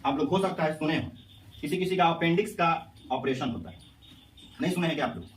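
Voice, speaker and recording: A man's voice: on the high side, fast, slight background noise. A male teacher, lecturing a class and quizzing students with repeated questions. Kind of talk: classroom lecture with call-and-response. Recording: echoey classroom, mic at a distance.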